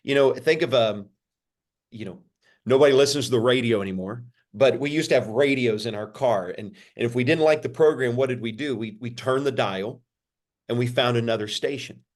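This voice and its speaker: A pastor, a man, answering interview questions in a sermon-like way, repeating phrases and lifting his pitch for emphasis. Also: brisk. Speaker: pastor, podcast guest.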